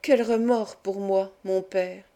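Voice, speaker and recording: Smooth-talking young noble, fake pious pleading, mellow tone, woman reading him. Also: medium pitch, fairly even intonation, normal speed, natural voice. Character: young dissolute nobleman, hypocritical son.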